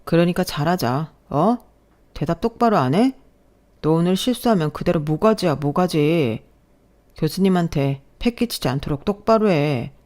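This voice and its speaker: Woman voicing a mocking young male doctor, bossy, condescending, mellow tone. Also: sits low, animated, normal speed. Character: arrogant sneering young male resident doctor.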